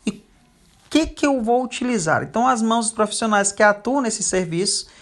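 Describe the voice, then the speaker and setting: A teacher giving a recorded lecture over slides, pausing often with fillers. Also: medium pitch, lively intonation. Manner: frequent hesitation fillers.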